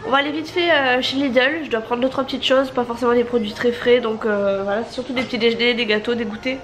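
A woman in her thirties with a congested nose talks fast to an arm's-length handheld camera inside her apartment, a family vlogger chatting casually with many restarts and fillers. Her pitch is fairly high, her intonation fairly even, and there is background noise.

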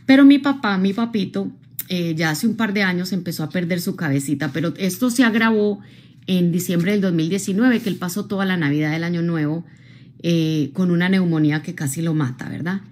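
Her voice lowish and her pace a little fast, a Colombian woman motivates her livestream audience. She is expressive, talks straight to the viewers, and keeps checking in with frequent tag questions.

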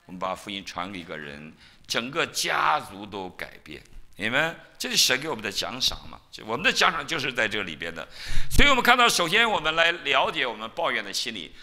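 A man preaching from the pulpit with a swooping, lively voice that rises and falls all through his sentences. His tone is sharp and forceful, cutting through clearly. He tells stories with energy and acts out quoted voices. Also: medium pitch, brisk. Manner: animated storytelling, acting out biblical quotes. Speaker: pastor. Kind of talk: sermon. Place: church.

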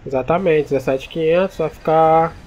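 A man from Brazil talks in a laid-back, slangy way while roleplaying in a game. His voice sits a little high. A faint hiss runs under the recording. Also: normal speed, a little mellow, muffled recording. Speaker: roleplay player, channel host. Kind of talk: casual in-character game roleplay chat.

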